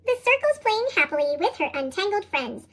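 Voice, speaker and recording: A storybook reader whose voice runs through a chipmunk effect, squeaky and sky-high. The reading hops up and down in a lively sing-song and bounces through rhyming verse. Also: a little fast. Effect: sped-up, high chipmunk-style pitch shift. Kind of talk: reading picture books aloud.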